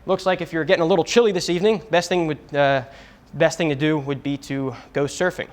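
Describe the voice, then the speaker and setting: Standing in for the regular forecaster, a young man delivers a comedic weather bit in a slightly high, steady voice at a brisk clip. His manner is silly, self-deprecating and pretend-solemn.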